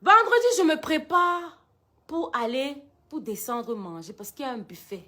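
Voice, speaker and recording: A woman's voice: sits high, big pitch swings, moderate pace, pushed and bright. A woman telling a story to her followers in a dramatic, emphatic way. She mixes English phrases into her talk.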